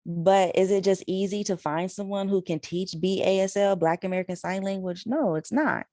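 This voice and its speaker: A woman's voice: medium pitch, normal speed, mellow, dry recording, studio quality. A woman interpreting a signed discussion aloud, relaying each speaker in the third person with frequent fillers. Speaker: sign language interpreter. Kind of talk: voicing signed conversation.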